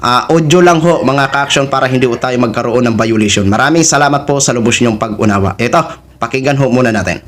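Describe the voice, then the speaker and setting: A man's voice: mid-range voice, fast. A man, hosting a reaction video and speaking politely and casually to his viewers. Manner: polite, uses respectful "ho" and "po".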